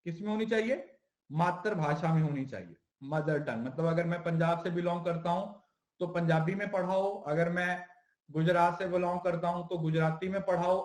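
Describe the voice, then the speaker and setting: A man gives an exam-prep lecture in a high voice, mixing Hindi with English terms. He asks his listeners questions, answers them himself and repeats each key term. The room around him echoes noticeably. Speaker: teacher.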